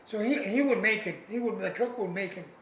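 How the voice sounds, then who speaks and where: An elderly man, a war veteran, recalls his service in an informal interview, haltingly and plainly, repeating himself as he searches for words. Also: high voice, a bit bright. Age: elderly, over 80. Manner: halting, repetitive, plain-spoken recollection with searching pauses. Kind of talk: old veteran remembering, informal oral history. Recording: roomy echo, faint background noise.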